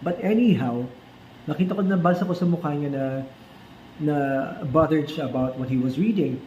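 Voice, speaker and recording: A vlogger with a Filipino accent casually recounts his cancer diagnosis at a normal speed, mixing Tagalog and English and often restarting his sentences, as he has been forgetful since treatment. His voice is fairly high yet mellow. The audio is slightly dull, with an echoey room and faint background noise.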